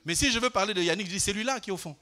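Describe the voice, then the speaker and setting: An older man preaching a Bible study to a congregation, putting questions to them and swinging between loud declarations and quiet asides. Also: sits high, racing. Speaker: pastor. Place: church.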